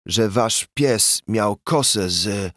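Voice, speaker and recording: A man voicing a terrified, beaten male street informant who yells and swears in panic. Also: fairly low pitch, slow pace, no echo, studio quality. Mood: sullen.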